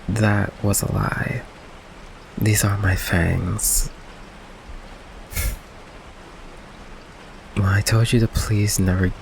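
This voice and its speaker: A man with a low, gravelly, exaggerated voice plays a gentle, insecure goth vampire boyfriend nervously confessing his secret in an ASMR boyfriend roleplay. He's hesitant, halting, soft-spoken, and apologetic, with steady rain behind him and a little hiss or hum in the low-quality recording.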